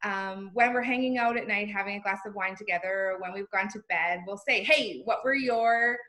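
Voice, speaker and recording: Bright-voiced woman telling a casual story. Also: mid-range voice, steady tone, brisk. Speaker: co-host.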